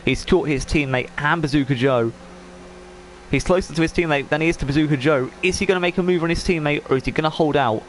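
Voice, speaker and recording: A man is commentating a sim racing league race while losing his voice, rambling chattily with frequent fillers and restarts. His voice sits on the high side, he talks fast, and there's a little hiss or hum.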